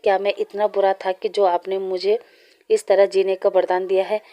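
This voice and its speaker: A wistful young ghost man from a storybook, lonely and pleading, his voice warm and mellow, as a woman reads him out. The lines stay flat and even in pitch, close to a plain reading voice. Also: normal speed, dull audio, lightly acted.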